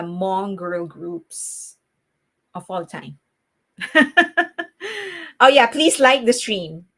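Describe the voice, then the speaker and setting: A woman hosting a live stream from the Philippines talks casually with her viewers in a Filipino accent; she laughs often and keeps restarting her sentences. Her pitch is fairly low and her tone a bit bright.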